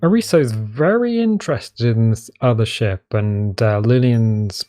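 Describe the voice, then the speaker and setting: A man improvising narration as game master of a tabletop game, halting and hesitant. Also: medium pitch, lively intonation, warm tone. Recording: music playing behind the voice.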